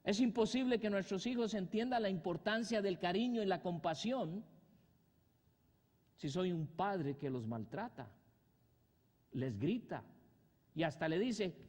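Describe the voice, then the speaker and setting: A man preaching a sermon, asking the congregation rhetorical questions and swinging from loud rises to soft drops. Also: sits high, measured pace, pauses often. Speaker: pastor. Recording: long hall reverb.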